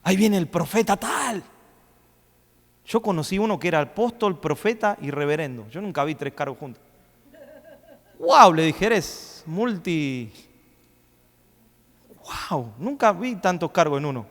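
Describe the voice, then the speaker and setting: A man preaching a sermon as pastor, swinging between loud, rising questions and quick asides. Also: on the high side, animated. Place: church hall. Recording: long reverb of a church hall.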